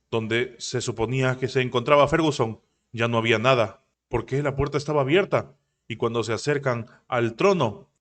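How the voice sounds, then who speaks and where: A man tells a comic's story in a steady recap voice, pitched in the middle of the usual male range. He moves from scene to scene, stumbling now and then and correcting himself as he goes. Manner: rapid retelling with occasional self-corrections. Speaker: manhwa recap narrator.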